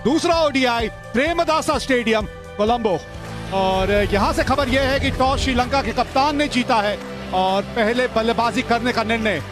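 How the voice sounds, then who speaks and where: A man giving excited live cricket match commentary, exclaiming over the play. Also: very high voice, moderate pace, over music.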